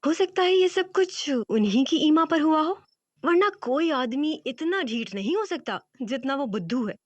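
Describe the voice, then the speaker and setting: Actress as a giggly, mischievous friend; high voice, dry muffled sound. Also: female voice, lively intonation, a little slow, no room sound. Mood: teasing. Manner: teasing, giggly. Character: teasing, mischievous young woman friend.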